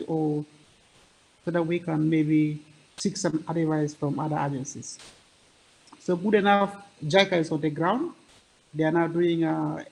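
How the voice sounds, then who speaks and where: A man's voice: a little high, creaky, darkish tone, husky, rough recording. A man from South Sudan giving a hesitant comment in an online forum, with many fillers and restarts, over a video call. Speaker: forum participant.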